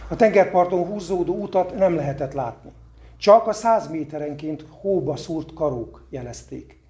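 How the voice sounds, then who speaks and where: A man reads a story aloud in a fairly high, mellow voice. His delivery is plain and unpolished, with a few self-deprecating asides. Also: animated. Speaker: reader.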